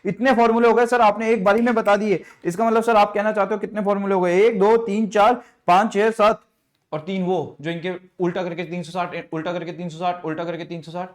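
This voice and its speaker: A man voicing an eager, excited male student who rattles off formulas. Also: sits high, fairly quick, voice pushed up, lightly acted. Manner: breathless enthusiastic recitation.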